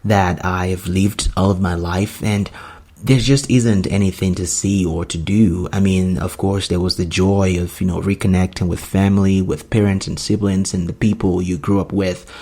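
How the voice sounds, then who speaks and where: A man's voice: low voice, level tone, normal speed, dark tone. A man, hosting a solo podcast in an earnest, rambling way with many fillers. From Nigeria. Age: 20s. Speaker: podcast host.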